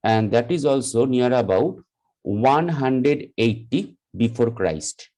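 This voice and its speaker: A man teaching a live class, explaining slowly and deliberately, often repeating himself. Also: medium pitch, lively intonation, mellow, low-quality recording. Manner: slow, deliberate explaining with repetition. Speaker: lecturer.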